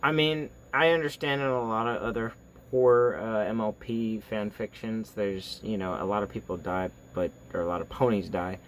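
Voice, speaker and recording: A man hosting a reaction video, talking casually in a rambling, halting way full of fillers. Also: lowish voice, a little hiss or hum. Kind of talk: casual chat.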